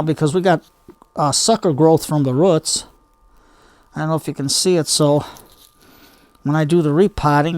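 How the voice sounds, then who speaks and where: A man's voice: fairly high pitch, a little mellow, no echo. An older man hosting a hobby gardening video, chatting casually in a homespun, rambling way as he demonstrates by hand. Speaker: bonsai hobby video host.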